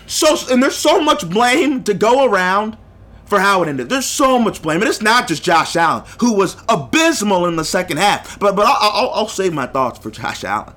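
A man's voice: high-pitched, big pitch swings, moderate pace, a bit bright. Fired-up young man ranting on a podcast. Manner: heated, emphatic, repeats phrases for punch. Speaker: podcast host. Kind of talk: solo sports podcast rant.

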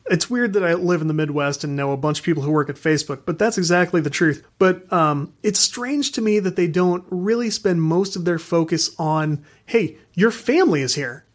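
A fairly high-voiced man rants through a casual podcast monologue. He is frank and animated, laughs as he goes, and swears without a second thought. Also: brisk, hardly any pauses. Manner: ranting, frank, swears freely; animated, laughs while talking. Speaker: podcast host.

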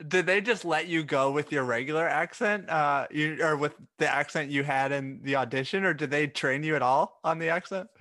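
A podcast co-host asks long, loose interview questions packed with "like" and "you know." His voice sits a little high and sounds pushed and bright, moving at a moderate pace with few pauses and no echo.

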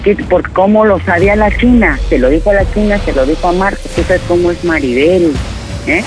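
A man's voice: high voice, brisk, music in the background, close to an everyday voice. A man putting on the voice of a hurt, furious woman who scolds a male friend for betrayal in a prank phone call, with a Mexican accent. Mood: indignant. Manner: scolding, insistent, talks over the other. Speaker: prank caller.

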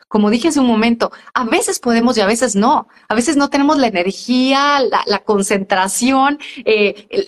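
Calm woman guest explaining step by step. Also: a little high. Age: adult with a school-age daughter. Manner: calm, explains step by step, frequent self-corrections. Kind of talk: reflective self-help talk. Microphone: live video stream.

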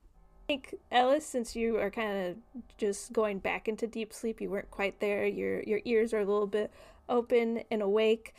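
A woman's voice: mid-range voice, steady tone, normal speed, vocal fry, a little mellow. A woman narrating as game master in a casual, hesitant way.

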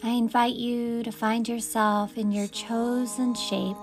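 A woman leading a guided meditation, speaking in soft, soothing invitations. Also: on the high side, little pitch movement, slow, over music.

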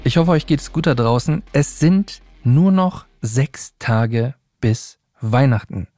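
A man's voice: medium pitch, lively intonation, takes it slowly, dark tone, dry recording, faint music behind. A man hosting a podcast, chatting in a friendly way and speaking straight to his listeners. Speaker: podcast host. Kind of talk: casual podcast interview.

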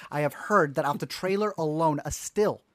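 A man co-hosting a relaxed movie podcast, talking in an animated, joking way with quick asides. His voice sits a little high for a man. The sound is dry and close, with no room echo. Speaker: podcast co-host. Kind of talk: casual movie-news chat.

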